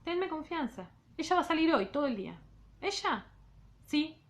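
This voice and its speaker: A woman's voice: sits high, big pitch swings, moderate pace, pitched above the performer's own voice. A woman reading the part of a mysterious young woman aloud from a novel. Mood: pleading. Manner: read aloud softly from a novel.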